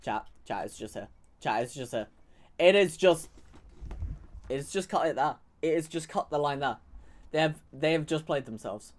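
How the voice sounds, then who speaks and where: Sarcastic man rambling over gameplay. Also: mid-range voice. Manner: rambling, sarcastic, self-correcting. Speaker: gaming YouTuber. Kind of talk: casual strategy-game commentary.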